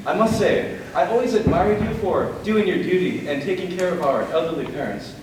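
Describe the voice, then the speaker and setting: On a large indoor auditorium stage, a young school-play actor performs live amateur comedy as a weary, sarcastic middle-aged brother, dry and resigned, placating yet needling. He speaks fairly quickly in a high voice with lively intonation. A distant camera microphone makes the sound echoey, noisy and far away.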